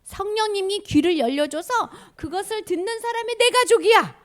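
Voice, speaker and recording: A woman voicing a calm, patient man who gently explains things to a group of children in a Bible story. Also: extremely high pitch, normal speed, voice pushed up. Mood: gentle. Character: calm, patient male teacher speaking to children.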